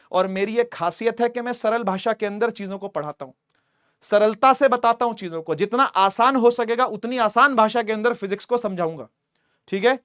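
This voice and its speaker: A man's voice: very high-pitched, fairly bright tone, smooth, no echo, clean studio sound. A man teaching a physics class online, chatty and repetitive, often checking that students follow. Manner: chatty, addresses students as beta, repeats "theek hai".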